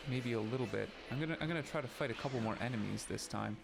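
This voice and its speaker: The recording is very noisy as a fast-talking man with vocal fry and a mid-range voice plays a game on stream. He's Canadian with a somewhat New York-like accent, and his casual commentary is rambling, self-aware, and chatty, with filler restarts, captured by a turned-down laptop mic over game music.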